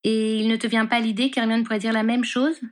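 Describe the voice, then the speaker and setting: Give me a woman playing a blunt, sharp-tongued young woman from a storybook reading. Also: fairly high pitch, level tone, fairly quick, pitched above the performer's own voice, close to an everyday voice. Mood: scolding. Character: blunt teasing young woman, Ron's sister.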